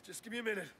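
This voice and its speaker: A worn-out survivor in a video game who struggles to catch his breath. His voice is high and tired, and it comes through noisy game audio. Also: full character voice. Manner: weary, breathless. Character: wounded, worn-out male survivor.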